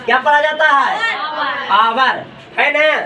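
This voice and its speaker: A man's voice: extremely high pitch, unhurried, a crowd in the background. A male teacher leads a classroom lesson, asking and answering his own questions over and over. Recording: echoey room, mic far off. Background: students in the room.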